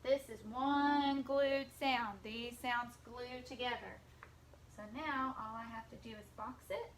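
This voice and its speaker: A woman's voice: fairly high pitch, fairly even intonation, unhurried, a little hiss or hum. A woman teaching a phonics lesson to young children, patiently stretching out the sounds of words.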